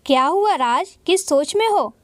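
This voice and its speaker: A woman's voice: high voice, expressive, a little slow, no echo, studio quality. A woman reading a fiery, jealous young wife. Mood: tender. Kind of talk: storybook reading.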